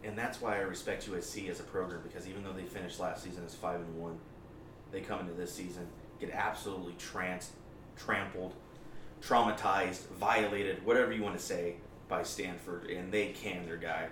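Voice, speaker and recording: Low-voiced man, emphatic sports podcaster. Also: fairly even intonation, moderate pace. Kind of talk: casual, opinionated sports chat. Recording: distant, echoey room with clear noise.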